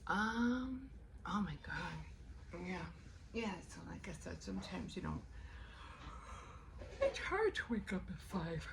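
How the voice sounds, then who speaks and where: Middle-aged woman vlogger, toothless diction, animated intonation, loose morning chit-chat, noisy home audio. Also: slow pace, vocal fry, pauses often. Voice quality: toothless speech, without dentures. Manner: rambling, talking low at times. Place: indoors at home, bedroom.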